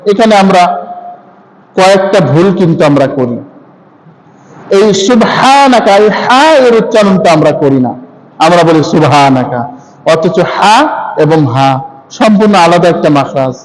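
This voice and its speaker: A man teaching how to say a prayer, explaining point by point and slowly chanting the prayer words for listeners to repeat. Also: high voice, animated, slight background noise, poor audio. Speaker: religious teacher. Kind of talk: prayer recitation lesson.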